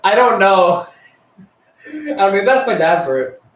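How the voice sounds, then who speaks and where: A man's voice: high voice, sing-song, slow, a bit bright, reverberant, rough recording. A teenage male telling crude, rambling stories about school, heavy on swearing and filler words. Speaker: storyteller. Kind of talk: casual storytelling.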